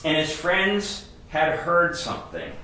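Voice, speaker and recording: A man preaching a sermon, telling a story in short phrases and pausing for his interpreter. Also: fairly high pitch, wildly swooping pitch, bright, forceful tone. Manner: storytelling, pauses line by line for the interpreter. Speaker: guest pastor. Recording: very echoey church hall.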